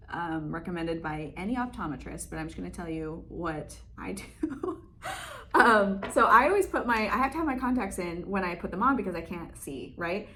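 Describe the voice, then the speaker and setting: A woman's voice: mid-range voice, fairly bright tone, a little hiss or hum. Young woman vlogging a lash how-to, chatty, giggly, lots of likes and ums. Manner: chatty, laughs often, many fillers. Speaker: beauty vlogger. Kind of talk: casual tutorial chat. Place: room in her salon.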